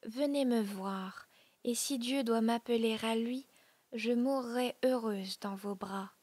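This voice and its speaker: A woman voicing a wounded young stranger in hiding, in a hushed whispered role-play. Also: a little high, takes it slowly, dry recording. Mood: pleading. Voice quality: breathy, hushed.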